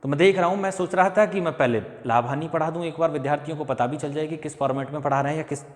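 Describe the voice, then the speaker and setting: A man's voice: a little high, rapid-fire, in a large hall. A man teaching an exam-prep maths lesson, walking through each step and often checking that students follow. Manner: chatty, repeats steps and checks understanding.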